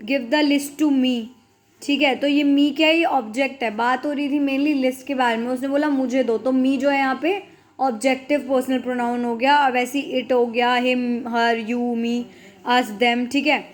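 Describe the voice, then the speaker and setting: A woman teacher explaining English grammar, switching between Hindi and English and reading definitions slowly. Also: high-pitched, steady tone. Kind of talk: classroom grammar lesson.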